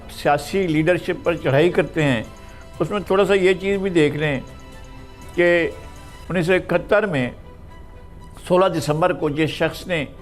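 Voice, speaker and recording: An older man weighs in on a television panel. He speaks in a slightly raised voice and pauses often with long fillers. A faint music bed runs underneath. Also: on the high side. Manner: measured, pausing with drawn-out fillers. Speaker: political commentator. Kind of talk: TV panel discussion.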